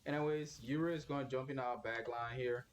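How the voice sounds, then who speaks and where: A man's voice: mid-range voice, steady tone, fairly quick, a little hiss or hum. A young man casually commenting on his own gameplay, rambling with many fillers as he thinks aloud.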